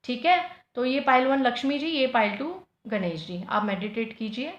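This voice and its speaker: A woman's voice: a little high, expressive, normal speed. A woman reading tarot piles in a casual video, earnest and pleading, mixing English phrases into her talk. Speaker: tarot reader. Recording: echoey, dull lo-fi room sound.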